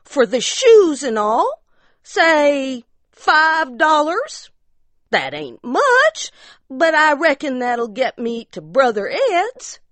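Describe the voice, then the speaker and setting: A woman's voice: sits high, huge pitch swings, slow, fairly bright tone, no room sound, pitched above the performer's own voice, full character voice. A woman voicing a poor barefoot mountain wife who insists on her rights, in plain rustic backwoods speech. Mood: pleading.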